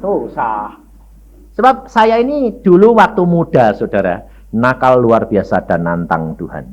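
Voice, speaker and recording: Animated preacher man with speech. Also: medium pitch, unhurried, dull audio. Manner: dramatic, with sudden loud bursts and rhetorical questions to the congregation. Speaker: evangelist preacher. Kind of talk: sermon.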